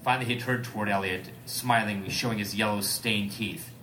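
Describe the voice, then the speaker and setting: A man's voice: lowish voice, fairly even intonation, normal speed, noisy background. A man reading a story aloud for comedy and breaking off to joke and ad-lib. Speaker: comedic reader.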